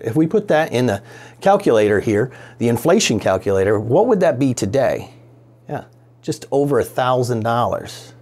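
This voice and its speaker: The host of a radio restoration how-to video speaks in a mid-range, a little mellow voice. His narration is casual and explanatory in DIY fashion, sprinkled with rhetorical questions as he muses aloud.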